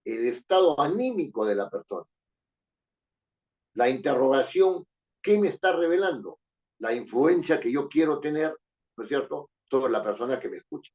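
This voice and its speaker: A man's voice: medium pitch, animated, normal speed, darkish tone. A man with a Peruvian Spanish accent lecturing a class, often tagging his sentences with rhetorical questions and repeating phrases. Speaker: teacher.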